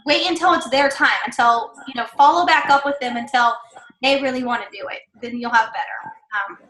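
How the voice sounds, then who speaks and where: High bright woman coaching her team, chatty and encouraging, echoey room w/ faint hum. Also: a little fast. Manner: chatty, encouraging, many fillers and asides. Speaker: team leader giving sales training. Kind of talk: casual coaching talk.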